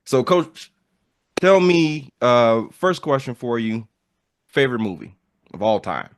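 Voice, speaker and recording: A man's voice: medium pitch, very animated, unhurried, clean tone, dry recording, studio quality. A man hosting a podcast in casual chat, opening with upbeat intros and repeated phrases. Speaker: podcast host.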